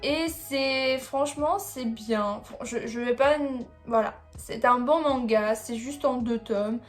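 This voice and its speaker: Woman going on about her manga, kinda high voice, chatty, lots of fillers, soft music in the back. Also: slow. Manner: chatty, rambling, fillers like bref and voilà. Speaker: manga reviewer. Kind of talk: casual chat about a manga haul.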